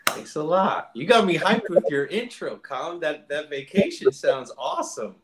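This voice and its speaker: A man's voice: fairly high pitch, lively intonation, moderate pace, heavy background noise. A man in his thirties from Central Florida, an actor talking as a guest in a casual, upbeat interview. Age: 30s. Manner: upbeat, chatty, laughs easily.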